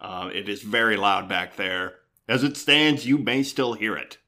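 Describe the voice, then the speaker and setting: A man's voice: lowish voice, fairly even intonation, measured pace, bright, forceful tone. A middle-aged man co-hosting a home podcast with his son, chatting casually and joking self-deprecatingly from the dining room table. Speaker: podcast co-host, the dad. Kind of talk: casual chat.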